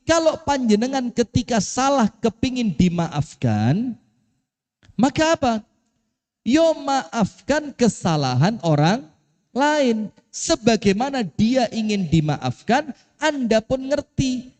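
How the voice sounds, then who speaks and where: A high-voiced man with a Javanese accent delivers a lively sermon, swinging his pitch widely as he acts out voices and throws questions at his listeners. His voice rings with a long reverb, as in a large mosque hall. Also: slow pace. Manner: animated storytelling, acts out voices, asks audience questions. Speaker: preacher.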